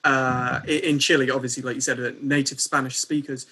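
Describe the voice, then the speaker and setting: A man's voice: mid-range voice, little pitch movement, brisk, sharp tone. A man chatting casually as a podcast host and interviewer. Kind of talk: casual chat.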